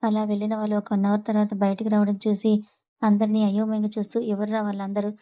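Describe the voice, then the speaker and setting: A woman storyteller reading a serialized story aloud in a brisk, steady way. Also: medium pitch, rough recording.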